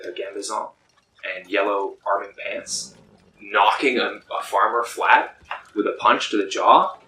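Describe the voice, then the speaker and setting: A man narrates a tabletop roleplaying session, pacing out the scene with small pauses and fillers. His voice sits a bit low but sounds bright and forward. The room is echoey, with a faint hiss under it. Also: far from the mic. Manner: descriptive, unhurried with frequent ums. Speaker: game master.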